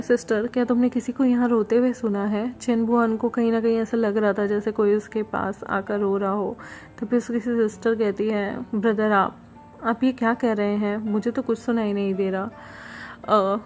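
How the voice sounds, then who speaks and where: A woman's voice: medium pitch, a little mellow. A woman retelling a fan fiction story in a plain, conversational way, mixing English words into her speech.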